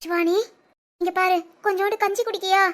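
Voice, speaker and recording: A woman voicing a caring young woman who gently coaxes a sick friend in an animated story. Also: very high voice, fairly quick, pitched above the performer's own voice. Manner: gentle, coaxing.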